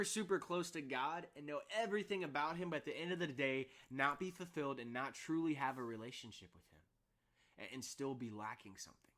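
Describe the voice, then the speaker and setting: A young man sharing a personal faith testimony in a vlog, earnest and halting, with many fillers and restarts. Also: medium pitch, fairly bright tone. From Houston area, United States. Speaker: vlogger.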